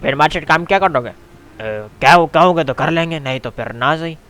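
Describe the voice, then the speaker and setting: A man's voice: on the high side, lively intonation, a little fast, fairly bright tone. A young man voicing his own role in a game machinima, bantering and teasing in a casual way. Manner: bantering, teasing, calls others "my son". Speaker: machinima voice actor. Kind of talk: role-play narration for a game video.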